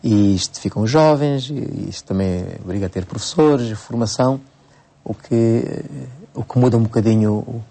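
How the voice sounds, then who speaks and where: A Cape Verdean priest in his forties answering interview questions at an unhurried pace, with frequent hesitations and restarts. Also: medium pitch, mellow. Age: 40s. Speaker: priest, bishop-elect.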